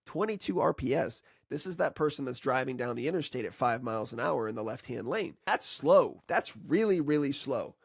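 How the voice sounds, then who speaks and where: A man's voice: medium pitch, expressive, brisk, gravelly, few pauses, slightly rough, dry recording. Joking male HVAC instructor, dry close sound. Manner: joking, sarcastic asides. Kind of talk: casual technical walkthrough.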